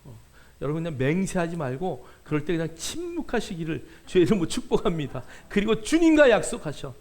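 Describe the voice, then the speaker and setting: A male pastor preaching a sermon in a conversational way, with frequent filler sounds and slowed, stretched words for emphasis. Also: fairly high pitch, very animated, a little mellow.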